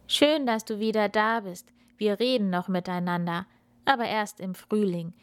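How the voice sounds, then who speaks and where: A woman's voice: mid-range voice, normal speed, clear, resonant tone, dry recording, natural voice. A woman voicing a tired, stern grown-up weather fairy in a children's story. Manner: stern, weary.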